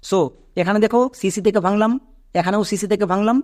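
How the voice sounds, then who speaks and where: A man's voice: sits high, fairly even intonation, quick pace, darkish tone. A man teaching an English lesson, explaining step by step, asking questions and stretching out syllables when sounding words. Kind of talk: spoken lesson.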